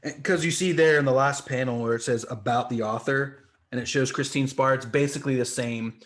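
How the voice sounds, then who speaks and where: A man's voice: medium pitch, steady tone, fairly quick, fairly bright tone. A man co-hosting a comic book podcast, talking casually and acting out the panels with sound effects. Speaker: podcast co-host.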